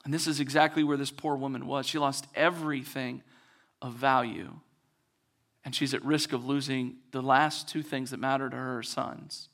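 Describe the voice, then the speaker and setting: A man's voice: mid-range voice, steady tone, moderate pace, vocal fry, fairly bright tone. A man preaching a conversational sermon as a pastor, acting out quoted voices with touches of humor.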